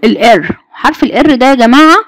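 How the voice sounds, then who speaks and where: A woman's voice: fairly high pitch, animated, quick pace, a bit bright, dry recording. A woman with an Egyptian Arabic accent teaching German letters to a class, patiently repeating each sound and asking the students questions. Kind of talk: Egyptian Arabic alphabet lesson.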